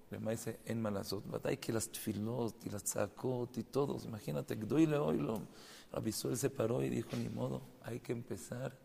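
A man, a rabbi, giving a Torah class in Spanish as an animated storyteller, acting out the people's words. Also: medium pitch, creaky. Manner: animated storyteller, acts out dialogue, rises to loud emotional peaks. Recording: distant echoey hall.

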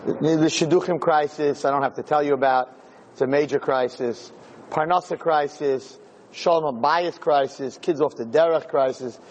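A rabbi teaching an informal Torah class to a room of listeners speaks at normal speed, emphatically, often asking them rhetorical questions. His voice is a little high and darkish in tone, with dull audio.

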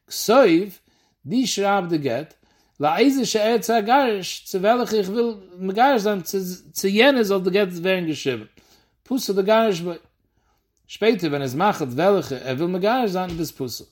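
A man giving a Talmud lesson, explaining the text in a quick, lively sing-song study chant. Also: high voice. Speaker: Talmud teacher.

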